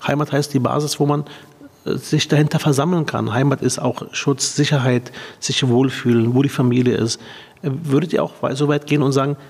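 A man interviewing two young women, asking gentle questions with many hesitations and fillers. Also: mid-range voice, fairly even intonation, brisk, husky, big-room sound. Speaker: interviewer, party politician.

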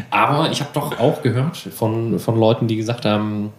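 A man's voice: fairly low pitch, a little slow, echoey room. A man co-hosting a casual podcast chat, rambling and self-deprecating with many fillers. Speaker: podcast co-host. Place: apartment room.

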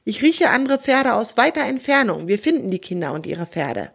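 A woman's voice: a little high, big pitch swings, moderate pace, vocal fry, slightly rough, heavily acted. A woman voicing a grumpy old male magic pony in a children's storybook, fussy and plaintive. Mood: eager.

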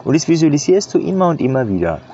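A man's voice: a little high, very animated, quick pace, dark tone, slight background noise. A man giving earnest, casual coaching advice in a motivational monologue, often adding "ja". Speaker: self-improvement coach. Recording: slightly dull recording.

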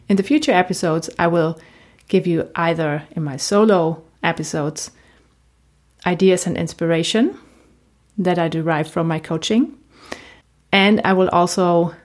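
Her voice is a bit low-pitched and slightly mellow, with the accent of a native German speaker. A coach by profession, she hosts a solo podcast and chats directly with the people listening.

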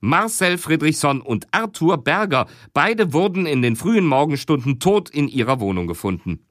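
A man's voice: on the high side, sing-song, moderate pace, fairly bright tone, no echo, studio quality, voice pushed up. A man reading an audiobook, voicing a tired, cynical male detective. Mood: weary.

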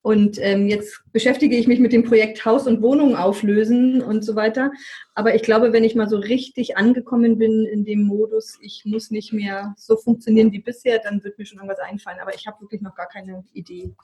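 A middle-aged woman talks in a relaxed podcast conversation. She thinks aloud, weighing her words, and laughs easily between thoughts. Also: medium pitch, brisk. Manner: reflective, laughs often. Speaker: podcast guest, wife. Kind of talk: casual chat.

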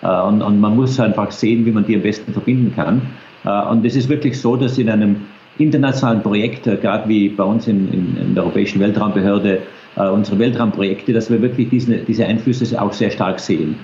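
Austrian man, interview guest on a remote call; low, hesitant, faint noise, echoey lo-fi sound. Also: fairly even intonation, brisk, mellow. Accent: Austrian German. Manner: hesitant, many "äh" fillers. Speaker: interview guest, space agency official. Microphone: video call. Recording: roomy, dull video call audio with faint noise.

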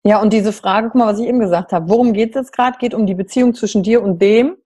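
A woman's voice: medium pitch, fast talker, mellow, husky, dry recording. A woman hosting a conversation, reflecting and asking searching questions. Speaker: interview host. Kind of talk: conversational interview.

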